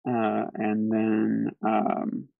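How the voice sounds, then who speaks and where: A man's voice: lowish voice, monotone, drawn-out words, creaky, dry recording. A man playing a tabletop game, hesitant, with many fillers as he describes his moves. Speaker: player. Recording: dull lo-fi recording.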